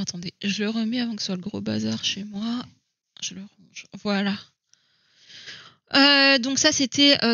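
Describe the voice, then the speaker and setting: A woman's voice: on the high side, fairly bright tone, dry recording, lo-fi sound. A woman chatting casually to camera at home about her coloring books, thinking aloud and hesitating with many fillers. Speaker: coloring hobby vlogger.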